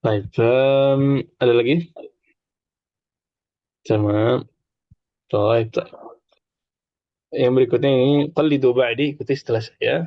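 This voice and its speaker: A man's voice: mid-range voice, fairly even intonation, takes it slowly, long pauses, no echo. A man teaching an informal Arabic class, chatty, explaining with examples and having students repeat after him. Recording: dull lo-fi dry recording.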